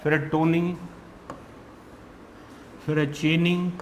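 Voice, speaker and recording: Slow, deliberate male shorthand teacher. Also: fairly high pitch, little pitch movement, a little hiss or hum. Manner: reads out word lists one by one, patient and deliberate. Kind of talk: classroom lesson, dictating practice words.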